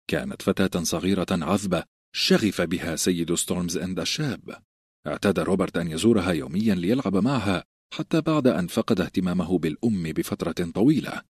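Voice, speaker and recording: A man narrating an audiobook in a measured storytelling manner, close to the mic. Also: sits low, a little mellow, breathy edge, dry recording. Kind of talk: scripted narration.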